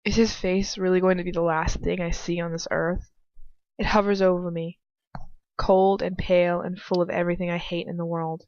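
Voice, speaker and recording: In a muffled lo-fi home recording with roomy echo, a woman with a lowish, darkish voice reads fan fiction at a normal pace and level tone. It's an amateur, irreverent performance: she stumbles, giggles, and swears in chatty asides.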